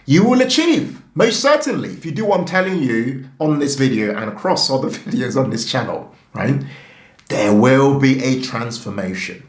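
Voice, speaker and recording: A man's voice: mid-range voice, normal speed, echoey room. A man, a personal finance YouTuber, coaching his viewers straight to camera in an emphatic way and checking in with them often. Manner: emphatic, animated, keeps checking in with "okay?". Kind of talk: direct-to-camera coaching talk.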